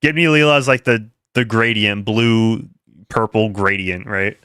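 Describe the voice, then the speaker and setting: A man's voice: fairly low pitch, fairly even intonation, a little slow, bright, forceful tone, smooth, no room sound, studio quality. A young man rambling through casual livestream commentary, laughing often and restarting his sentences. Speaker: commentary streamer.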